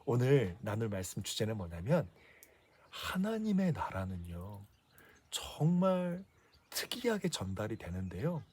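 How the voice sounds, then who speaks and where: A man's voice: fairly low pitch, very animated, measured pace, a little mellow, slightly rough. A man preaching a children's sermon, asking the kids questions and having them repeat words.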